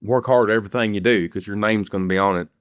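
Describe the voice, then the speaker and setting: A man's voice: on the low side, fairly even intonation, fast, no room sound. A man from Kentucky with an Appalachian country accent, a singer-songwriter talking in a folksy, plainspoken way as an interview guest. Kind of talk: casual interview chat.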